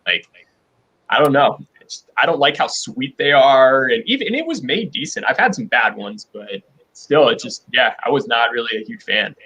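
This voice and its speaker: A man's voice: medium pitch, expressive, moderate pace, sharp tone, breathy edge, rough recording. A man hosting a casual livestream chat, talking in an informal, folksy way. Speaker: host of a bourbon blind-tasting livestream.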